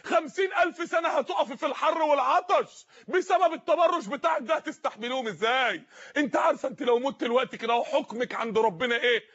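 A man with an Egyptian accent delivers a fiery sermon in a strikingly high voice at a rapid clip. He pleads and shouts, hammering home repeated phrases. The recording is muffled and lo-fi. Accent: Egyptian Arabic. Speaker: preacher.

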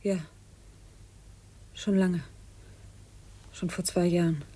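A woman's voice: lowish voice, steady tone, takes it slowly, dark tone. An actress playing a frightened, guilt-stricken female witness in a 1950s radio drama, hesitant and half-whispering. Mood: fearful.

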